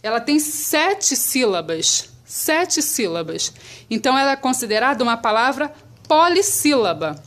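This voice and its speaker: A woman teaching children about syllables, patient and clear, sounding words out slowly. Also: high voice, big pitch swings, a bit bright. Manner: slow, patient, spells syllables out.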